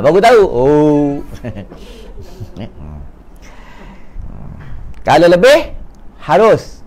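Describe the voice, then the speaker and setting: A man preaching with a Malaysian Malay accent, his voice sitting a little high for a man. He jokes, fires off questions and answers them himself. He swings between loud, pressing emphasis and soft, low asides. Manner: lively, joking, asks and answers his own questions. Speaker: religious teacher. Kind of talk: casual sermon to a congregation.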